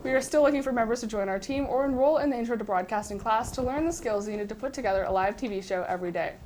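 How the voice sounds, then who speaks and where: A woman's voice: fairly high pitch, fast, darkish tone. A teenage young woman anchoring scripted school news announcements. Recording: faint background noise.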